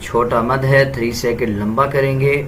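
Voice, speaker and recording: Male teacher, mid-pitched voice, slow, patient walkthrough of pronunciation rules, faint room noise. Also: steady tone, fairly bright tone, rough recording. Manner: patient, deliberate, repeats rules. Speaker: tajweed teacher. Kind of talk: slow step-by-step explanation.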